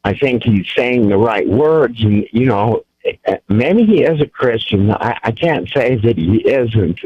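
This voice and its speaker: A man calling into a radio show, firm and deliberate as he states his views. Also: mid-range voice, animated, slightly rough, no echo. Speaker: caller. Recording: dull phone line.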